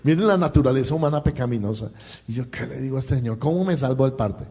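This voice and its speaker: A Colombian pastor preaches a sermon to his congregation at a church service, telling a personal story and acting out each person's lines. His mid-range voice is warm, mellow and a bit creaky, with lively intonation and a fast pace.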